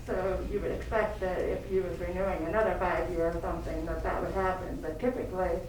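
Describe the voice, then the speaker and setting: A woman's voice: fairly low pitch, level tone, brisk. A woman explaining things informally to a board as its administrator. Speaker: health department administrator reporting to board. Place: meeting room, picked up from a distance. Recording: very echoey room, distant mic, faint noise.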